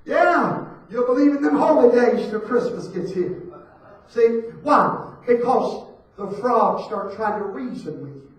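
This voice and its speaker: A man preaching a fiery sermon, swinging from hushed asides to shouted lines with rhythmic repetition, in a church. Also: extremely high pitch, animated, unhurried. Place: church sanctuary. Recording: echoey hall, preacher far from the mic.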